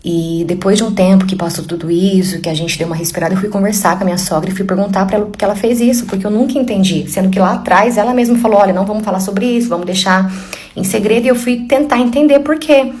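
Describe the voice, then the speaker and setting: A woman's voice: medium pitch, fast, hardly any pauses, darkish tone, a little hiss or hum. A woman with a Brazilian Portuguese accent telling a personal confession story in a chatty, emotional way, full of fillers. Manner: emotional, conversational, many fillers.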